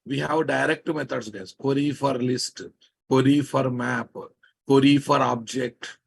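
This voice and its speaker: A man with a slightly rough, husky voice and a Telugu accent from India gives a live programming lecture. He is emphatic and instructive, restating key phrases and checking on his class with pointed questions. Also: medium pitch, steady tone, a little slow. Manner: emphatic, repeats phrases and prods listeners with questions. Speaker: software teacher.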